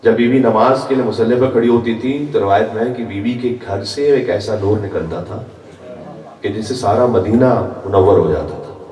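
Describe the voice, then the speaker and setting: A man with a fairly low voice preaches a religious sermon, moving between plain explanation and slow chanted quotations. He is recorded from some distance in a large hall, and the sound comes through with a noticeable echo. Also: fairly even intonation, dark tone. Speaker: guest preacher. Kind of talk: religious sermon at a majlis gathering. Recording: echoey hall picked up from far off.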